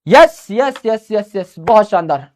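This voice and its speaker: A man's voice: sits high, animated, takes it slowly, darkish tone. A young man teaching a live online biology class, giving study advice in a chatty way and mixing in English phrases. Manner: chatty, mixes Hindi with English phrases, calls students brother.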